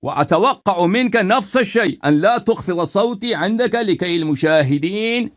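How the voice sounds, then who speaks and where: Male debater, high voice, quick, keeps interrupting to demand the floor. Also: expressive. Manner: insistent, interrupting, formal phrasing. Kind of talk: heated online debate.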